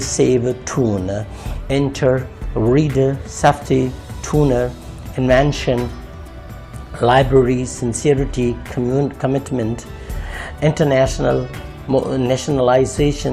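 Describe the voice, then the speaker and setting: A man's voice: medium pitch, gravelly, dark tone. A man teaching an English grammar lesson, patiently repeating words and splitting them into syllables for his viewers. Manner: addresses viewers as friends. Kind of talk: explaining a grammar lesson over slides.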